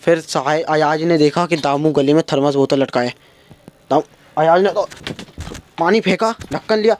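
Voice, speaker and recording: A man's voice: on the high side, normal speed. A young man doing stand-up, telling a childhood story and acting out his friends' lines. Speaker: stand-up comedian.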